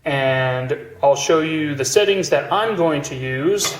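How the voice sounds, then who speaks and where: A welding instructor with a fairly high-pitched voice talks slowly, casually walking through each step of a hands-on tutorial. He stands beside a welding machine in a room or workshop, its steady noise running underneath. The recording is rough and reverberant.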